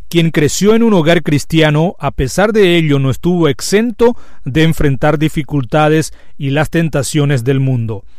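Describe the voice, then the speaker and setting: Man, radio host, slightly high voice, dry studio sound, faint music underneath. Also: no echo. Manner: calm, scripted introductions and gentle questions.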